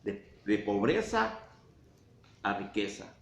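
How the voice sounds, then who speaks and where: A man with a Mexican Spanish accent preaching a sermon as pastor, asking frequent rhetorical questions and pausing for emphasis. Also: lowish voice, big pitch swings, vocal fry. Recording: dull roomy church sound with faint hiss.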